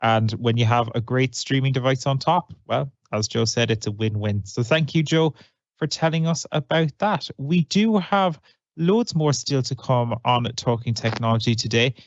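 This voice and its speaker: A podcast host with a medium-pitched voice speaks at a moderate pace, upbeat and conversational as he introduces segments and questions a guest. There is no room sound, and the recording is dry, slightly dull, and lo-fi.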